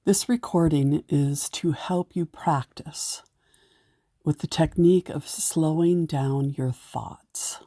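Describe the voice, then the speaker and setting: A woman with a low, mellow voice guides a meditation, lingering over each gentle, soothing instruction at a slow pace. The recording is close and dry, with no sense of a room.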